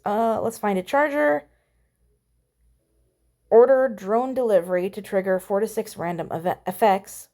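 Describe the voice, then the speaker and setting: A woman gamer voices a playthrough with casual commentary, reading on-screen text aloud. She's chatty and playful, with mild exclamations, and her medium-pitched voice has a darkish tone.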